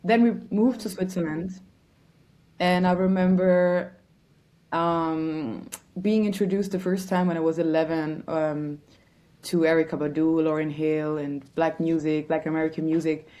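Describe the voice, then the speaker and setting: A woman's voice: low voice, steady tone, measured pace, warm tone. A woman from Germany, a musician guest answering interview questions reflectively and searching for words.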